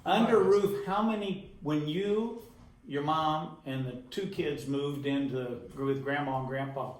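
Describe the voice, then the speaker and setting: A man with a slightly high voice puts casual interview questions. He sounds a little far from the microphone, in an echoey room. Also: steady tone, a little slow.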